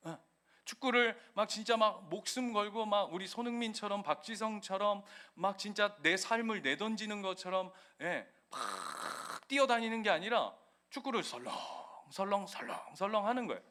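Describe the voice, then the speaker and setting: A male pastor preaching a sermon in a church, animated and acting out scenes vividly. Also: sits high, moderate pace.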